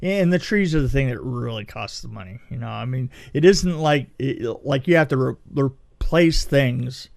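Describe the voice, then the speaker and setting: This middle-aged man, a film effects veteran, guests on a podcast and recounts anecdotes with animation, acting out quotes and repeating phrases. He talks at a normal speed with hardly any pauses, in a creaky, medium-pitched voice.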